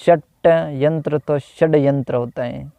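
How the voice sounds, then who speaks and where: Slow, gravelly-voiced man teaching grammar. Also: a little high, fairly even intonation, no echo. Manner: slow, repeats each corrected word with "तो ... होता है"; hesitant, with fillers and self-corrections. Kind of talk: reading out a Hindi grammar lesson. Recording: dull, slightly lo-fi dry recording.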